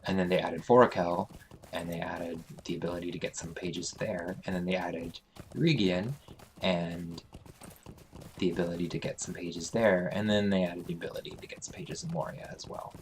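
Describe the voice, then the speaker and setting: A man's voice: low voice, moderate pace, a little hiss or hum. A man hosting a let's play, casually commentating his game and thinking aloud with frequent fillers.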